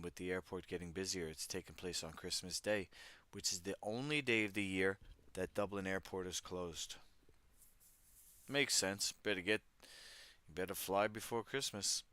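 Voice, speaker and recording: A low, sharp voice in a dry recording belongs to a man hosting a livestream. He reads news articles aloud and riffs on them, tossing wry, irreverent asides to his chat as casual commentary.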